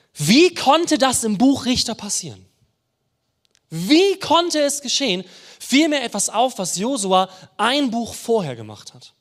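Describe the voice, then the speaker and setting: A man preaching a sermon in a conversational way, putting rhetorical questions to the congregation. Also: high voice.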